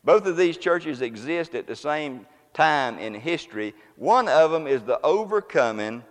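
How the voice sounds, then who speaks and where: A man's voice: on the high side, animated, unhurried, long reverb tail. A man preaching a sermon to his congregation in a folksy, conversational way, full of homespun examples. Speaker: pastor. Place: church sanctuary.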